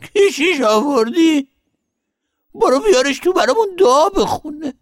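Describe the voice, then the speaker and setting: Male narrator doing a screechy fiery old grandma, very high and swooping, close dry sound. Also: expressive, dry recording. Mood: scolding. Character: shrill fiery old grandmother, scolding and pious.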